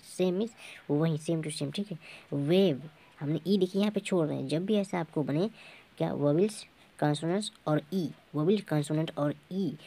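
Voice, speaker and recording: A male teacher explains pronunciation rules step by step, patient and repetitive, often stopping to check that students follow. His voice is warm and mellow rather than bright. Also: fairly high pitch, gravelly.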